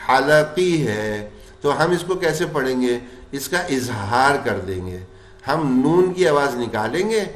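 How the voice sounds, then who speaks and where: A man teaching a tajweed class, explaining the rules and then stretching words out slowly in chanted recitation, asking questions and answering them himself. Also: medium pitch. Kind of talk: tajweed lesson with recited examples. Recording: roomy echo.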